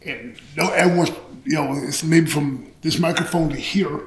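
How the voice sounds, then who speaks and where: This interview guest, a middle-aged pro wrestler, speaks at a moderate pace in a voice on the high side. Lounging on a couch in a small indoor set, he recounts stories loosely and profanely, candidly acting out lines of dialogue. The sound carries a roomy echo.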